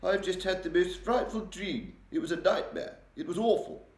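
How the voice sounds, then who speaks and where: A man's voice: high-pitched, moderate pace, voice pushed up. A man voicing an elderly, regal queen with a refined, upper-class manner, given to alarmed exclamations. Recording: roomy echo.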